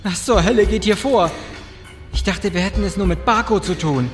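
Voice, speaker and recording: A man's voice: sits high, moderate pace, lightly acted. An actor in an audio drama playing a tense, commanding man fleeing monsters and urgently barking orders to protect his companions. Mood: tense, controlled. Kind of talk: German audio drama acting. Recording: roomy, with very loud music.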